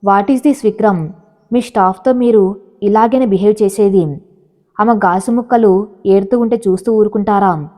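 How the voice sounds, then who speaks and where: A woman's voice: mid-range voice, moderate pace, pauses often, warm tone, close to an everyday voice. Woman reading as Rishi, a passionate young tycoon. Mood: urgent. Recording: long hall reverb.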